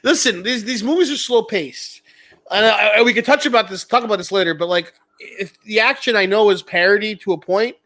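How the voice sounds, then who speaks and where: A man co-hosting a film podcast in casual chat, excitable and laughing between points. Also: high-pitched, fairly quick.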